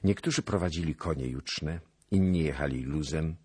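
A man narrating a literary audiobook in an expressive, theatrical reading. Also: rumbling low, moderate pace, breathy edge, dry recording.

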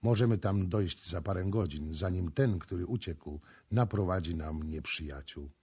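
A man reading aloud, voicing a reserved, wise male priest who speaks in a measured, quiet way, with a husky voice. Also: low voice, voice pushed down.

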